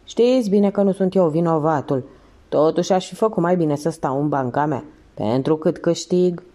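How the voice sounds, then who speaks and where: A woman voicing a sly, hoarse old male newspaper seller who grumbles and talks on. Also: deep voice, warm tone. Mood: grumbling.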